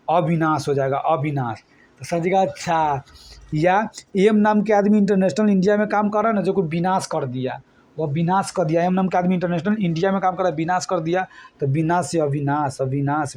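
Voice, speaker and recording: A man's voice: high voice, a little mellow. A man from eastern India, teaching an exam-prep lesson with memory tricks. He talks colloquially and keeps quizzing his students.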